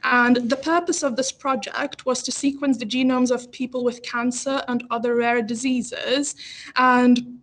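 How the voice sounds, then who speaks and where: Young woman presenting over a group video call. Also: on the high side. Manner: hesitant, many fillers. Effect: heard over a group video call. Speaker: pre-registration pharmacist presenting a project. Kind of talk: project presentation in a webinar.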